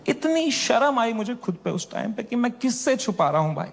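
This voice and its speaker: A young man with a high voice tells a stand-up story, switching between Hindi and English. He jumps into his family's voices as he goes, lively and expressive. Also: moderate pace, gravelly, in a large hall. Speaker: stand-up comedian.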